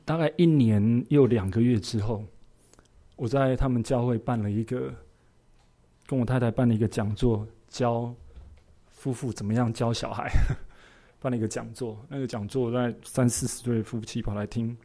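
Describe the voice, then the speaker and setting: A man preaching a sermon as a pastor, telling a personal story in an earnest, expressive way. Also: medium pitch, normal speed.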